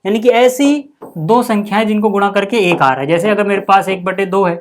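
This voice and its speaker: A man's voice: high voice, a little fast, slight background noise. A man teaching a school maths lesson, patient and step by step, checking in often with the class.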